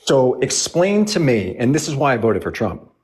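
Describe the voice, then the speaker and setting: A man's voice: medium pitch, big pitch swings, normal speed, darkish tone. A man in his forties arguing his point in a heated political discussion, blunt and emphatic, repeating himself and swearing. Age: 40s. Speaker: debate participant.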